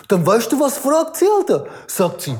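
A man's voice: very high-pitched, huge pitch swings, moderate pace, darkish tone, pitched above the performer's own voice, full character voice. A man doing a brash slangy young guy. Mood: boastful. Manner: slangy, broken grammar, says "Alter" constantly.

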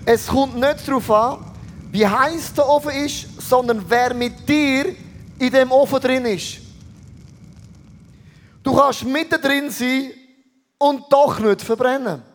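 Pastor guy, middle-aged, really high voice, punchy sermon, throws in english words. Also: slow, long pauses. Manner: energetic, mixes English phrases into German.

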